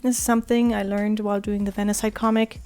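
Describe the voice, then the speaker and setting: A woman with a cold talks casually while she draws, her voice hoarse and raspy, quiet and monotone, sometimes dropping to a soft murmur. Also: mid-range voice, fast talker, faint music behind. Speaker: art vlogger. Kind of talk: casual talk while drawing.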